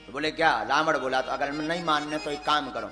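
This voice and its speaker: A man preaches, his high, bright voice leaping up and down as he dramatizes a devotional tale and breaks into chanted verse. It rings through a large echoing hall, with soft music playing underneath. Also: steady tone, a little fast. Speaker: religious storyteller. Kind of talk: devotional sermon storytelling. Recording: echoey hall with music behind.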